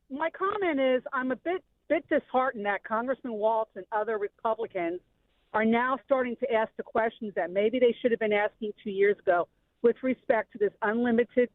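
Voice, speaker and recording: A woman's voice: a little high, no room sound. A woman calling in to a radio show, making a pointed, wry and skeptical comment. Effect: caller on a phone line. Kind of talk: call-in comment. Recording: tinny phone line, dry.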